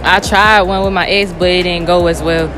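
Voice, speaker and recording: A woman's voice: lowish voice, steady tone, moderate pace, music in the background. A woman answering a street interviewer in a shopping mall in a sassy, outspoken way.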